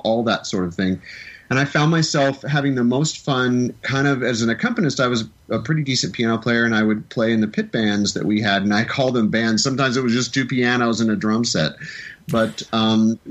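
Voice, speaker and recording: A man's voice: mid-range voice, muffled recording. A man from the American Midwest, a film composer, telling his story in a casual interview with enthusiastic, rambling sentences.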